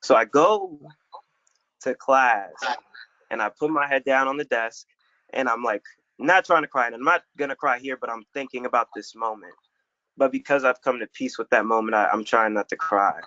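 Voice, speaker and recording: A man's voice: mid-range voice, normal speed, pushed and bright, no echo. A young man from Florida telling a personal story on a community panel in a reflective, casual way with some slang. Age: young adult. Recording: dull lo-fi dry recording.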